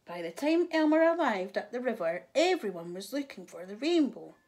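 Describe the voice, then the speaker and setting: A woman reading a children's picture book aloud, giving the animals voices and adding soft whispered asides. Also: a little high, sing-song, moderate pace. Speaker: storyteller.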